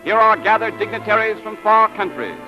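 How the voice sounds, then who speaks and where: Man, old newsreel narrator, grand declamatory delivery, high voice, loud music under it. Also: lively intonation, brisk, lo-fi sound.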